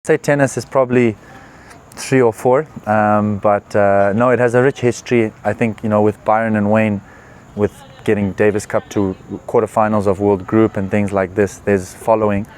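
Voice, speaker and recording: A man's voice: fairly low pitch, moderate pace. Man in his twenties, earnest. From Zimbabwe. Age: 20s. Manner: relaxed, earnest, with frequent "uh" and "you know" fillers. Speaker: professional tennis player. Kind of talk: interview answers. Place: tournament venue.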